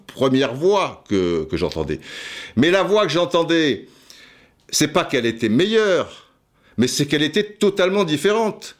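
A man hosting a podcast, telling a rambling, digressive story with many restarts and asides. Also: on the low side. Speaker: podcast host. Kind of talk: casual storytelling monologue.

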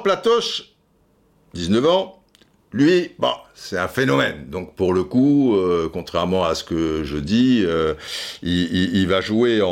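A middle-aged man telling football history in a casual way, stumbling into frequent repeated words and fillers as he addresses the listener directly. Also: fairly low pitch. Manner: many stammered repeats and fillers. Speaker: football storyteller. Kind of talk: casual spoken storytelling.

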